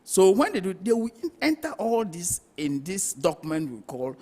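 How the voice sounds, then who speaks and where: A man's voice: sits high, very animated, normal speed, warm tone. A male guest expert, patiently explaining customs procedures. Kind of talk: explanatory studio talk.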